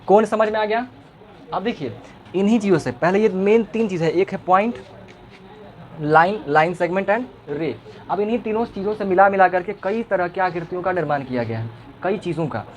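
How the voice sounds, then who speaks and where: A man's voice: high voice, brisk. A male schoolteacher, teaching a classroom lesson and teasing and quizzing his pupils.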